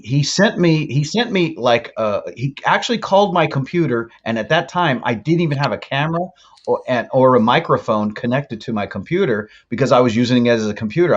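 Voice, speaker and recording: Man, chatty storyteller, muffled lo-fi call audio. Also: mid-range voice. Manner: chatty, acts out his own past remarks. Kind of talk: casual storytelling.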